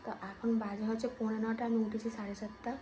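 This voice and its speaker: A woman, a new mother, chatting casually to her viewers as friends in a home vlog, talking softly so she won't wake her baby. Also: on the high side, level tone, quick pace, poor audio. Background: background music.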